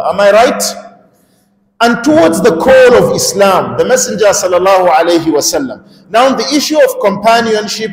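A middle-aged man from Nigeria giving an interactive Islamic lecture in a mosque, putting questions to the audience and speaking at a stand microphone. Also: sits high. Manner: interactive, questions the audience, emphatic rising calls. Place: large mosque hall, indoors. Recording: echoey mosque hall reverb.

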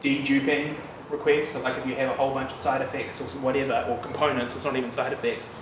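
Quick-paced and mid-pitched, a New Zealand developer in his thirties gives a chatty, casual technical talk at a meetup, relaxed and full of fillers and asides. The audience is gathered in a bright, loft-like office. With him standing away from the room mic, the audio sounds distant, echoey and noisy in the background.

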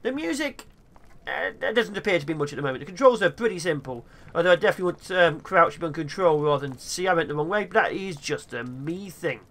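A man's voice: fairly high pitch, fast talker. A man giving playful, theatrical gameplay commentary as a gaming video host. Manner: excitable, theatrical.

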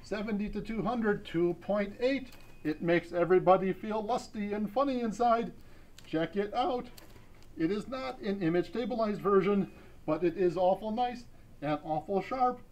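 A man playing a male photo-robot presenting used camera gear in a comic store announcement, with stiff sales-pitch patter. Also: normal speed, darkish tone, lightly acted, low-quality recording. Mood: salesy.

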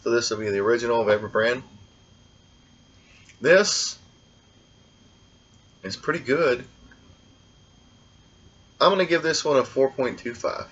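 A man hosting a casual blindfolded taste test, talking in a relaxed, rambling way. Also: medium pitch, measured pace, long pauses, slightly rough, lo-fi sound. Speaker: food vlogger.

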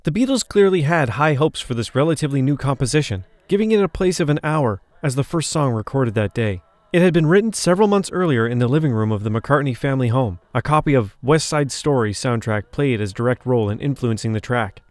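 A man's voice: mid-range voice, lively intonation, fairly quick, a little mellow, no echo. A man reading a scripted documentary narration, shifting his emphasis from phrase to phrase.

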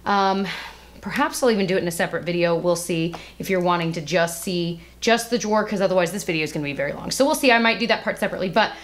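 A young adult woman chats casually to camera for her beauty vlog, self-teasing and laughing often. Her voice is lowish and her pace is quick.

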